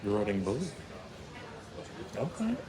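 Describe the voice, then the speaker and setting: A man's voice: fairly low pitch, big pitch swings, slow pace. A man hosting a casual travel vlog, joking and laughing often as he chats. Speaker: vlog host. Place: cruise ship cooking class and bar. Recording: busy crowd chatter behind.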